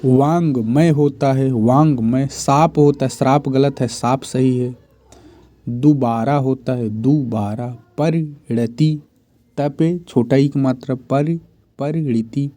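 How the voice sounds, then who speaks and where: A man runs an exam-prep spelling drill, repeating each word in short, measured phrases. His voice is mellow and low-toned, and he speaks slowly and deliberately. The sound is dry and close, with no room echo. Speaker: Hindi grammar teacher.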